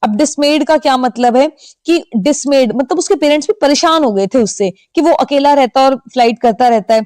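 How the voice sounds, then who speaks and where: A woman teacher, reading English exam questions slowly and then explaining them quickly in Hindi. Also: sits high, darkish tone, dry recording. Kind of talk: exam-prep lesson.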